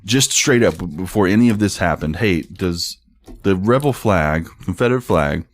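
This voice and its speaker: On a laid-back sports podcast, this young co-host speaks bluntly, cursing and laughing while reading posts out. His deep, low voice is animated at a normal pace, captured close to the mic, dry and without echo.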